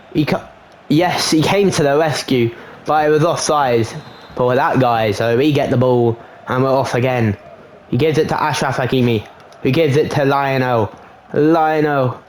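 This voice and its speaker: A young man casually commentating his own football video game match, chatty and self-mocking, getting excited at goals. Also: medium pitch, a little hiss or hum. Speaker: gaming channel host.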